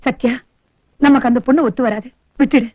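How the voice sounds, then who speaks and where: An actress playing a middle-aged wealthy widowed mother in a film, soft and earnest. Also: high-pitched, steady tone, brisk, no echo. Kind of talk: film dialogue. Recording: dull lo-fi film soundtrack with faint music.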